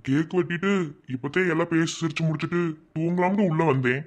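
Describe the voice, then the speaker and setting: A man voicing a caring older brother who scolds gently, with a Madurai Tamil accent. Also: a little high, fast, natural voice. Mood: concerned. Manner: scolding yet caring, village speech.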